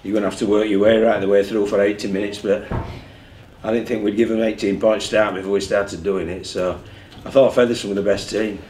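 A man's voice: on the low side, flat delivery, brisk, darkish tone. A man, a rugby league head coach speaking candidly at a post-match press conference, often repeating words as he thinks. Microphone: desk mic in front of him. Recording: echoey room with faint background hum.

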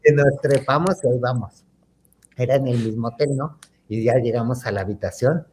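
A man's voice: medium pitch, brisk, a little mellow, slight background noise. A man telling a gossip story in a campy, theatrical way, calling his listeners "hermanitas". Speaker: host.

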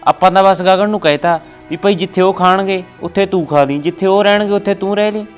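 Older rural Punjabi father played by a man, fatherly, unhurried, faint music under. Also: sits high, fairly even intonation, lightly acted. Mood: weary. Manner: slow, fatherly advising. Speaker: father of a grown son. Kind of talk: family web drama acting.

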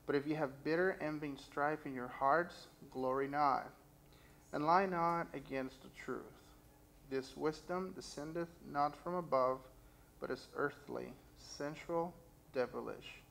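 A young man with a slightly high, gravelly, fairly bright voice preaches at a measured pace from a church pulpit, sharing his personal story and reading scripture with earnest feeling. The poor audio, from a stand mic and a far camera on the sanctuary stage, includes slight background noise.

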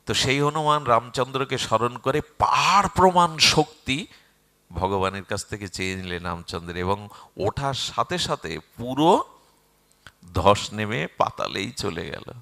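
A man narrating a devotional scripture story, with a mid-pitched voice. His delivery is dramatic, rising to loud bursts and dropping to soft murmurs. He speaks to listeners as a scripture reader. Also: big pitch swings, measured pace, gravelly.

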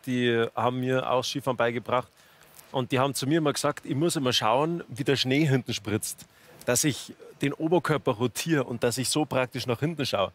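A man, chatting casually and jokingly as a ski expert guest in a TV studio, speaking into a headset mic. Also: mid-range voice. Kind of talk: casual talk-show chat. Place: TV studio with audience.

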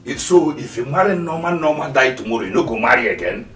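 An actor with a Nigerian accent playing a blunt, practical village friend who scolds and brushes off worries in a Nollywood film. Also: male voice, medium pitch, lively intonation, fast talker, fairly bright tone, natural voice. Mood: scolding. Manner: dismissive, scolding. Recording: echoey room, distant from mic.

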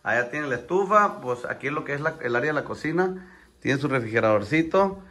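A man, a vlogger talking casually and warmly to his viewers while out in a small town. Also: mid-range voice, lively intonation, fairly quick. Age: adult. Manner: friendly, folksy, talks straight to his viewers. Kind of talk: casual vlog commentary. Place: outdoors in a small town, moving between street and car.

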